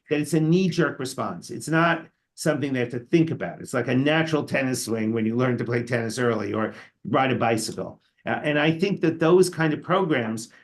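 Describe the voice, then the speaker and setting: An older man, telling a chatty anecdote on a panel with fillers and restarts. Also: on the high side. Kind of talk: storytelling on a panel.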